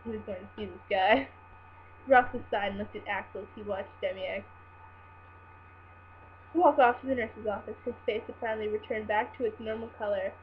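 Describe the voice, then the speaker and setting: A woman's voice: medium pitch, fairly even intonation, normal speed, long pauses. A woman reads a story aloud in an informal, amateur dramatic style. She occasionally stumbles and restarts. The sound is slightly muffled, with a faint hum underneath. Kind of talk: amateur dramatic reading of fan fiction. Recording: muffled, humming home recording.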